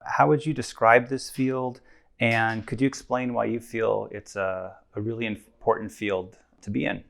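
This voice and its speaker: A man's voice: on the low side, flat delivery, measured pace, creaky, a bit bright. A man hosting a podcast, asking his guests plain interview questions. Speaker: podcast host.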